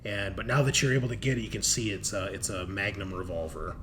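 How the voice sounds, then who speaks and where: A fast-talking game master with a lowish, fairly bright voice leads a tabletop roleplaying session, describing the scene conversationally and cursing casually. Faint noise is audible behind him.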